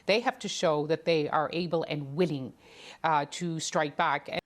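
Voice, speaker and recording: Woman, very low voice, news correspondent, measured, hesitant. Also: fairly even intonation. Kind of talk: broadcast news report.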